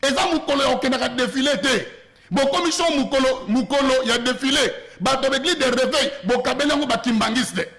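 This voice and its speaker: A man's voice: extremely high pitch, fast, a bit bright. A man with a Congolese French accent preaching an earnest sermon as a prophet, slipping Lingala phrases into his French and growing more emphatic as he goes. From Congo (DRC).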